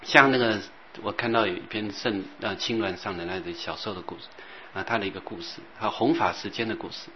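Low-voiced monk giving a rambling dharma talk. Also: male voice, quick pace, a crowd in the background. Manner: rambling, repeats phrases, gentle chanting. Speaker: Buddhist teacher. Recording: dull lo-fi recording with faint hiss.

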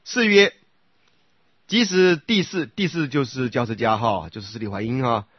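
A man with a husky, somewhat breathy voice leads a lecture on Buddhist scripture. He chants repeated sutra phrases in a measured rhythm and keeps turning to the class to ask whether they follow. The sound is dry and a little muffled, like a modest lo-fi recording. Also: mid-range voice, no echo. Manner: often checks with listeners by asking "right?"; recites sutra phrases in slow repeated cadence. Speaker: Buddhist dharma teacher.

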